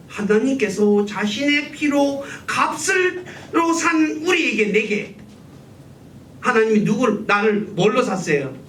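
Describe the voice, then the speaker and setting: A man preaching a sermon as pastor, asking the congregation questions and answering them himself. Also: a bit bright. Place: church sanctuary. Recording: echoey church room, mic at a distance, faint rumble.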